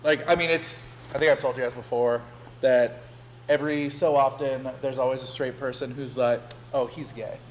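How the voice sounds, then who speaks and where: A man's voice: mid-range voice, steady tone, normal speed, a little hiss or hum. A man co-hosting a casual chat show, talking in a Valley Girl way and dropping "like" into nearly every sentence. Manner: talks in a Valley Girl way, says "like" constantly. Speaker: co-host.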